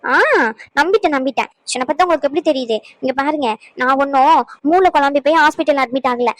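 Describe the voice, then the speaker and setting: A woman's voice: sits high, quick pace, close to an everyday voice. A woman voicing a worried, stubborn young pregnant wife in a cartoon, pleading and pressing with questions. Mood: insistent. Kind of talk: cartoon voice acting.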